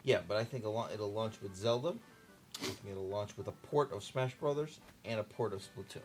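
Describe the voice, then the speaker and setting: A man's voice: lowish voice, brisk, faint music behind. A young man chatting casually while he plays through a game on a long marathon stream, joking with the on-screen characters. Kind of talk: casual gaming chat during a marathon stream.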